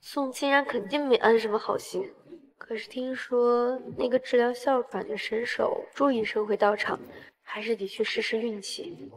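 A woman's voice: a little high, steady tone, normal speed, lightly acted, poor audio. An actress playing an anxious, wary young single mother in a drama. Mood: wary, hurried.

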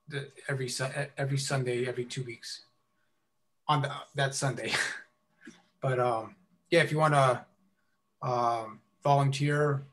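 A man's voice: mid-range voice, fairly bright tone. A man on a video call, an outreach volunteer explaining plans casually, stumbling and hesitant.

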